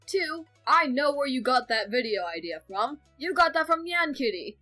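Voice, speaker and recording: A woman's voice: high voice, lively intonation, normal speed, sharp tone, faint music behind, poor audio. Chatty young woman reacting to videos. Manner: chatty and rambling, with sudden laughs and self-corrections. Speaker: video reactor, channel host. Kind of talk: casual reaction chat with a friend.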